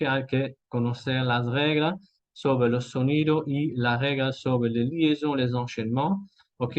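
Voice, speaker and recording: A man teaching a language lesson in Spanish, speaking deliberately, repeating words and checking in with "ok?" after each point. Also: medium pitch, dull audio. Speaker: French teacher.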